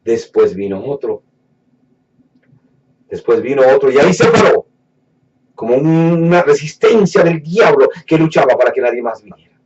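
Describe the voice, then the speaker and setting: A man giving a fervent sermon testimony, dropping to hushed low lines and rising to raised fervent ones, slowing down to stretch words for emphasis. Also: lively intonation. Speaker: preacher giving his testimony. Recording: distant mic, dull lo-fi sound.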